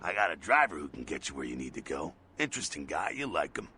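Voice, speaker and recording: A man voicing a gruff, streetwise male vampire helper in a video game, talking in an urgent, blunt and sardonic way. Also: rumbling low, sing-song, fast talker, bright, forceful tone, slight background noise, exaggerated voice.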